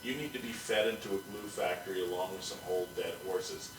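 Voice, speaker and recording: A man's voice: deep voice, fairly quick, roomy sound, distant mic, over music, low-quality recording. A man hosting a podcast in casual chat, talking bluntly and profanely in a ranting way. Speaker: podcast host.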